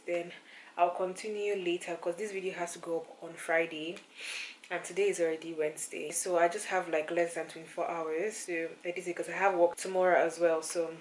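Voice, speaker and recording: Lower-pitched woman vlogging casually. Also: a little hiss or hum, rough recording. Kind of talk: casual chat to viewers.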